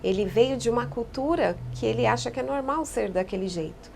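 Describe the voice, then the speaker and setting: A woman psychologist giving calm, explanatory answers in a podcast interview, often echoing key phrases. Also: fairly high pitch, a little fast, creaky, slight background noise.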